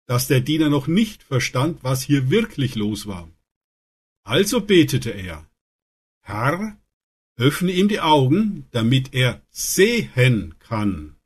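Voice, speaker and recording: A man narrating Bible stories in a calm, earnest way, lifting his voice for the quoted lines. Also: on the high side, slightly rough. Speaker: Bible storyteller. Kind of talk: scripted Bible story narration.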